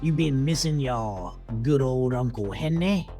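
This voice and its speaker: A man's voice: medium pitch, animated, measured pace, dark tone, soft background music. A man playing a gleeful, menacing horror-host uncle in an audio drama, with a hammy, folksy drawl. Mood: mock-friendly menace. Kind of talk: theatrical 80s horror-host introduction.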